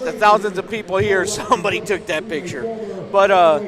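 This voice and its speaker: A man doing live wrestling commentary with an excitable, emphatic delivery. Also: high voice, a little fast, a crowd in the background. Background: music.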